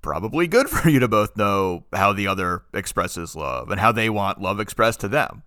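A man's voice: fairly low pitch, lively intonation, moderate pace, pushed and bright, dry recording, studio quality. A man hosting a podcast in casual chat, joking and teasing his co-host.

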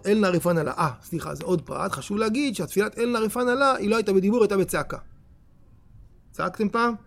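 A man, a rabbi, giving a Torah lesson to a live audience in an animated, emphatic way, often putting questions straight to his listeners. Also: high voice, gravelly. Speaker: rabbi teaching a class.

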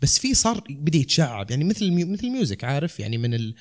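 A man's voice: a little high, very animated, racing, darkish tone. A man with a Saudi accent explaining things casually and conversationally, rambling and dropping in English terms. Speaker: stand-up comedian, guest.

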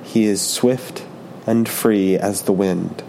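Calm old storybook turtle, wise and gentle, a man reading her lines, slow and low. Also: gravelly, slight background noise, rough recording. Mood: serene. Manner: slow and measured.

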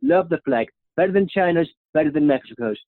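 A man's voice: animated, brisk, no room sound, natural voice. A young man impersonating a boastful male president who rambles, praises himself and keeps ending lines with "okay?". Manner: rambling, repeats "okay?" with a dropping pitch. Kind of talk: comedic impression sketch. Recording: tinny phone-like sound.

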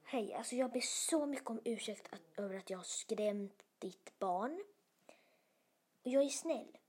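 A huge male Easter bunny from a bedtime storybook, anxious and apologetic, soothing a frightened family in a soft, breathy voice, as a woman puts him on. His tone stays mellow and a little high. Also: animated. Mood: reassuring.

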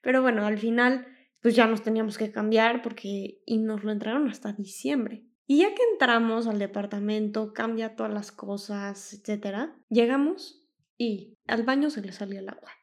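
Young woman, podcast co-host, lively storyteller, slightly high voice. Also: normal speed. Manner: animated storytelling, quotes others, laughs often. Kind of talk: casual chat.

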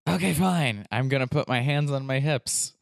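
A man's voice: mid-range voice, moderate pace, vocal fry, dry recording, studio quality. A man playing a tabletop game, laid-back and a little reluctant. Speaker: player. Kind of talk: casual tabletop play.

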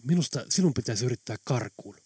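A man voicing a serious, brave male captive who talks in a hushed, urgent way. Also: medium pitch, animated, slightly rough, no room sound.

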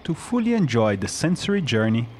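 A male podcast host delivers scripted ASMR narration. His mid-pitched voice moves through a wide, lively range of intonation as he guides the listener along. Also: a little fast, slight background noise.

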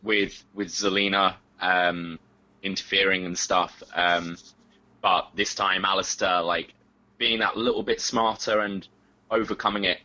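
A man's voice: deep voice, little pitch movement, measured pace, sharp tone, dull audio. A man co-hosting a wrestling podcast, chatting casually and a little hesitantly as an opinionated fan. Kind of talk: casual chat.

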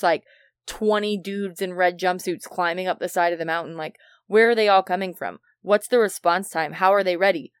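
A woman's voice: on the low side, clear, resonant tone, dry recording, studio quality. A woman co-hosting a casual podcast chat about a film, rambling and trailing off as she thinks aloud. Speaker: podcast co-host.

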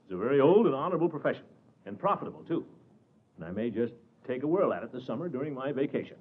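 A man's voice: medium pitch, very animated, fast, natural voice. An actor playing a pompous, blustery middle-aged male water commissioner in a 1940s radio sitcom, chuckling often. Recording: dull old radio broadcast, loud hiss.

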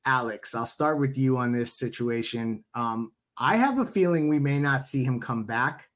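A man's voice: medium pitch, animated, moderate pace, a bit bright. Rambling male podcast host. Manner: rambling questions with many fillers. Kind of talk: casual sports podcast chat.

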